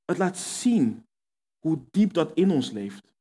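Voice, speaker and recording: A man's voice: a little high, very animated, slow pace, dark tone, slightly rough. A man preaching a sermon, earnest and emphatic, repeating key words for weight. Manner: acts out quoted voices within preaching.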